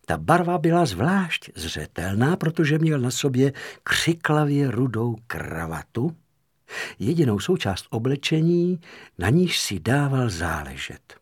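A man narrating an audiobook in an expressive, theatrical reading. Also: medium pitch, husky, no echo, clean studio sound.

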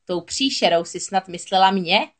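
A woman voicing a gloating female sea witch who speaks slowly and croaks triumphantly. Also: medium pitch, lightly acted. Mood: menacing.

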